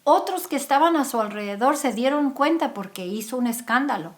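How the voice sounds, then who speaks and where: A woman's voice: high-pitched, lively intonation, fairly quick. Woman preaching a sermon, acting out voices. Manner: storytelling, acting out the characters' pleas and anger. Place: church.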